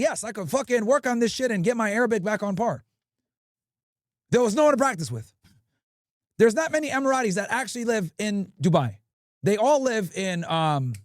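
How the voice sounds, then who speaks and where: A male livestream host, a native English speaker, delivers brash, profane commentary and animated stories packed with swearing. His voice sits high, captured in studio quality with no room sound.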